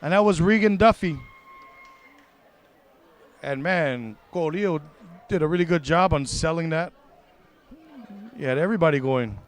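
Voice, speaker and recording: A man doing live play-by-play for a high school football broadcast, excitable and quick to correct himself mid-call. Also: clean tone. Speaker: play-by-play commentator.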